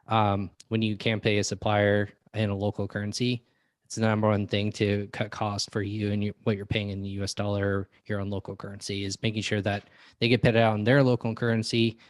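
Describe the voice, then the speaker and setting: A man's voice: fairly low pitch, no room sound. A man answering as an expert guest in an online Q&A, explaining things informally and step by step. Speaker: expert guest on supplier payments.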